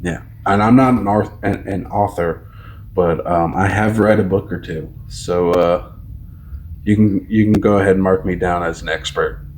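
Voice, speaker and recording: A man in his thirties with a very low, deep voice co-hosts a podcast in a casual chat, rambling through his points with lots of fillers and restarts. He often acts out conversations, mimicking kids in a louder voice. His intonation is fairly even at normal speed, with slight background noise.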